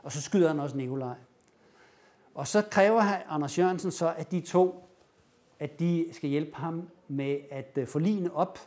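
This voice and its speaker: A man with a fairly high voice gives a lecture, telling a story in lively fashion. He acts out the lines he quotes. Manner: animated retelling, acting out quoted lines. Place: lecture room.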